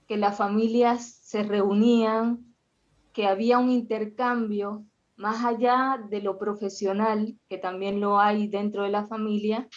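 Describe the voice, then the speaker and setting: A woman in her forties from Venezuela with a Venezuelan accent, sharing a measured, hesitant comment as a participant. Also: medium pitch, lo-fi sound. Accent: Venezuelan Spanish. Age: 40s. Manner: measured, hesitant, with many fillers. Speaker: audience participant, accountant. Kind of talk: conversational comment.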